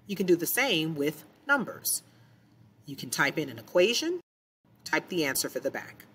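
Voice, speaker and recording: A woman teacher speaks in a low voice over a screen-recorded software tutorial, giving clear step-by-step instructions. A little hiss or hum is audible.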